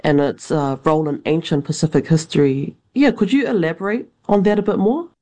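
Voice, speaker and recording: Interviewer from Samoa, mid-pitched voice, curious and polite. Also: brisk, darkish tone. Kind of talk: interview questions.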